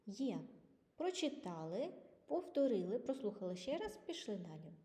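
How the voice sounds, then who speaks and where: Woman, teacher, patient, clear drills, mellow tone. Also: mid-range voice, sing-song. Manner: patient, clear, slow model pronunciation of English words. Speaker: English teacher. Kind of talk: online language lesson. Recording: long reverb.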